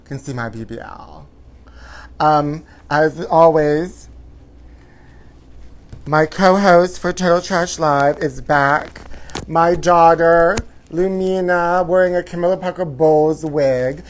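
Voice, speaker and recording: A man's voice: a little high, slow. A man hosting a live gossip show in casual chat, with a sassy, campy, theatrical drag-queen style of talking. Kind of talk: casual livestream chat to viewers.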